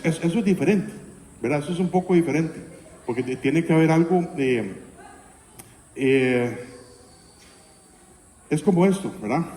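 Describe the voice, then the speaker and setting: Male pastor, chatty sermon style, warm dark tone, echoey sanctuary sound. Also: on the high side. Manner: conversational preaching, frequent "¿verdad?" tags. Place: church sanctuary. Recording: echoey church hall.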